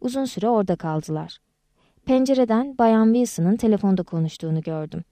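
A woman narrating an audiobook in an even, measured reading style. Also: medium pitch, no echo. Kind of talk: scripted storybook narration.

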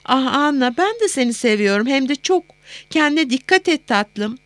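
Woman doing a gentle, soothing mother, raised and fairly high voice, dry close sound. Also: animated, moderate pace, dry recording. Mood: fond worry. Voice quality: soft, soothing. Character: warm doting middle-aged mother on the phone. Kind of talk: audiobook character voice.

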